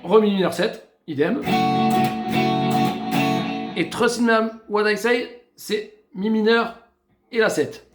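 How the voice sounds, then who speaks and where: A man with a high, light voice walks through guitar chords in an unhurried, patient way, counting beats as he goes. He is recorded in an echoey room, with loud guitar playing alongside him. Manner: slow step-by-step explaining, counting beats and singing snatches while playing. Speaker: guitar teacher. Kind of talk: guitar tutorial.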